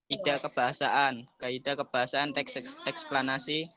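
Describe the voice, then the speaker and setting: Young male student, monotone reader, glitchy broken-up call audio, busy crowd noise. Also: medium pitch, moderate pace. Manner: steady, careful reading of a textbook passage. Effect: choppy, breaking-up online call audio. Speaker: student reading aloud in an online class. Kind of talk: reading schoolwork aloud on a video call.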